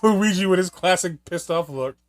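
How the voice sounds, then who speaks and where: A man's voice: high-pitched, moderate pace. A man giving casual, rambling and joking film commentary, with some swearing. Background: film soundtrack music.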